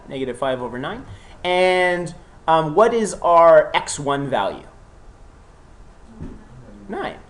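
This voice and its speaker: A math teacher with a cold delivers a classroom lecture, frequently checking in with students and offering encouragement. The voice is medium in pitch.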